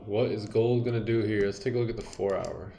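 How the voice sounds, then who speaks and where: A laid-back man hosting a live stream, talking loosely in slang and calling out viewers by name. His voice sits fairly low, with faint music playing underneath. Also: fairly even intonation, a little fast, vocal fry, dark tone. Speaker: livestream host and day trader. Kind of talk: casual livestream chat.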